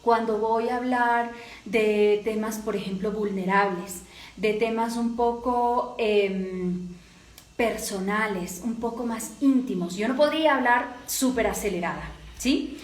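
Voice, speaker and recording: A woman's voice: a little high, measured pace. A woman with a Latin American Spanish accent teaching a voice course, explaining step by step and often checking that listeners follow. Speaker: voice and speaking coach. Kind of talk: instructive course lecture. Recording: echoey room.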